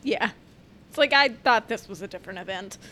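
A woman co-hosting a casual chat, reacting to news with quick quips and playful questions. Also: medium pitch, expressive, bright, forceful tone, a little hiss or hum. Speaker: co-host.

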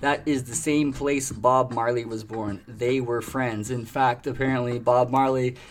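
A man's voice: mid-range voice, fairly even intonation, a little slow. A man hosting a music show in a laid-back, chatty way, laughing often as he talks about records. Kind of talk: casual chat. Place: treehouse restaurant and bar. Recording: music clearly behind the voice.

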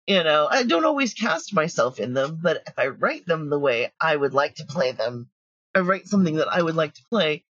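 In a roomy, dull, lo-fi recording, an audio drama creator talks informally as an interview guest, staying frank, practical and emphatic. Her low voice has a sing-song lilt, a moderate pace and a slightly bright quality.

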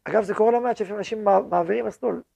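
A man's voice: high voice, creaky, mellow. A man, the head rabbi of a yeshiva, giving a lecture to his students and repeating words for emphasis.

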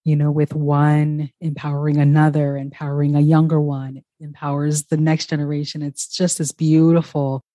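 A woman hosting a podcast interview, affirming often and reflecting slowly on what her guest says. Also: low voice, level tone, warm tone, dry recording. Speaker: podcast host.

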